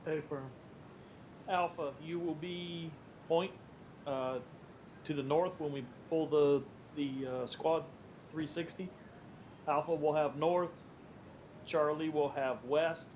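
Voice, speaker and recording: A man's voice: steady tone, slow, a little mellow. A man acting as squad leader, giving casual tactical instructions over game voice chat. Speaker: squad leader in an online military sim. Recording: muffled, noisy game voice chat with rumble.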